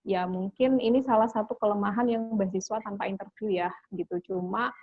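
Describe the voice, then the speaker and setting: A young Indonesian woman, a scholarship graduate, tells her story as an interview guest, chatty and full of fillers, with English phrases mixed in. Her medium-pitched voice is steady and brisk. The recording is dry, dull, and lo-fi.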